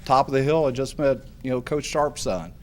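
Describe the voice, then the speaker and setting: A man's voice: medium pitch, lively intonation, moderate pace, a little mellow. A middle-aged man from Ohio, giving a rambling, folksy acceptance speech full of fillers and restarts. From Hamilton, Ohio. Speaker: hall of fame inductee.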